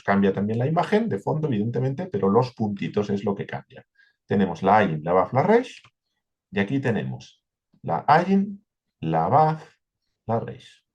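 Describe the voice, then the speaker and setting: A man's voice: mid-range voice, a little mellow, slightly rough. A man with a Spain Spanish accent teaching a verse-by-verse Bible study, explaining step by step and answering his own questions.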